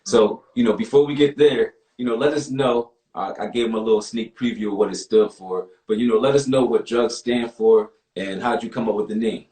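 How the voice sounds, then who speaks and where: A man's voice: lowish voice, fairly even intonation, a little fast, few pauses, warm tone, roomy sound. A man hosting a live interview stream, laid-back and full of slang, encouraging his guest. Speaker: host.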